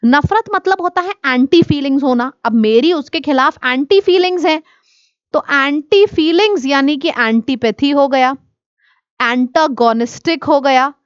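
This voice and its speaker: A woman teaching exam vocabulary, listing synonyms and antonyms in quick drilling runs. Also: high voice, dry recording, highs cut off. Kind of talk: exam-prep vocabulary lesson.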